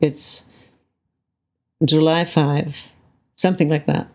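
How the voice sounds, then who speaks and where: In a reflective, conversational interview, an older soundscape composer from Canada talks slowly and thoughtfully. Her low-pitched voice has a darkish tone and fairly even intonation, and she keeps checking in with "right?".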